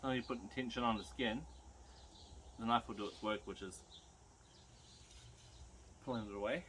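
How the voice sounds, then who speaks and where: Bright-voiced Kiwi man, casual and colloquial. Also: on the low side, fairly even intonation, moderate pace, a little hiss or hum. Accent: New Zealand. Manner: laid-back, colloquial, instructive. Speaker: host demonstrating butchery to viewers. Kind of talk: casual chat while working.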